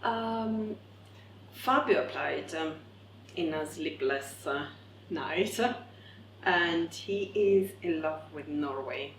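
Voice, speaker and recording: A woman answering interview questions hesitantly, with many pauses and fillers. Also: low voice. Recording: echoey room with loud background noise.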